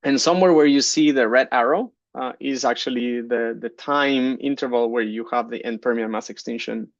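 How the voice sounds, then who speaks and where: A man's voice: mid-range voice, normal speed, dry recording, muffled recording. Man from Guatemala giving a keynote. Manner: relaxed, many fillers and restarts. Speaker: keynote speaker, geologist. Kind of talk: conference keynote talk. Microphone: computer mic on a video call.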